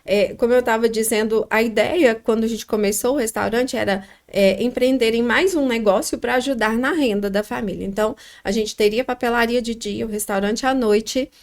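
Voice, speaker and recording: A middle-aged restaurant founder appears as a podcast guest, her voice on the high side and her accent from Minas Gerais, Brazil. She reflects on her story in Minas Gerais Brazilian Portuguese, with frequent pauses and fillers.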